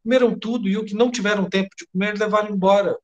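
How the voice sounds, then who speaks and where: A man's voice: high voice, fairly even intonation, very fast, highs cut off, voice pushed up, lightly acted. A man with a Brazilian Portuguese accent reading the part of a frightened head cook who babbles breathlessly and swears by his mother. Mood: panicked. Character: panicked middle-aged male head cook.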